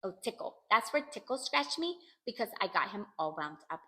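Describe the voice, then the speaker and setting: A woman reading a children's book aloud in an animated, expressive way, narrating in the first person. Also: medium pitch, normal speed. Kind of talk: storybook read-aloud.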